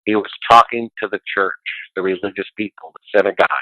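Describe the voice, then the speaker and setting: A man's voice: on the low side, fairly even intonation, fast talker, dry recording, phone-quality sound. A man in a casual conversation as a guest, talking in a preachy, rambling way and quoting scripture.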